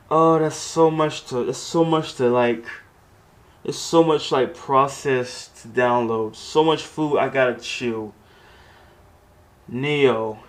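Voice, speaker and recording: Guy doing a chill reaction vid, talks slow, keeps repeating himself, gets loud and excited. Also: mid-range voice. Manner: animated, repeats words, exclamatory. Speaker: reaction video host. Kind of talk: casual reaction commentary.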